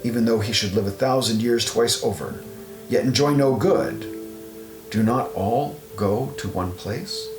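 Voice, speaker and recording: A man narrates a Bible audiobook, reading scripture in a solemn, measured way at mid pitch. The room is echoey, with music playing underneath.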